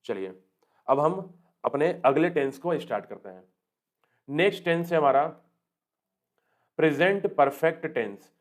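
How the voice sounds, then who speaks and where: A man teaching English tenses for exam preparation, explaining in Hindi and reading English example sentences slowly, often checking with questions whether students follow. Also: fairly high pitch, animated. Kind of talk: exam-prep grammar lesson.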